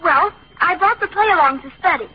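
Very high-voiced coquettish teenage girl. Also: animated, fairly quick, a little hiss or hum. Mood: coy. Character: coquettish, sophisticated teenage girl, affected and poised. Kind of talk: old-time radio comedy acting. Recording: dull lo-fi old radio recording.

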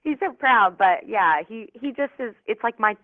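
Guest: a woman in her 20s over a dry, tinny phone line, high-pitched and bubbly. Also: expressive, moderate pace, no room sound. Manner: bubbly, rambling, lots of fillers. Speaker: psychic medium guest.

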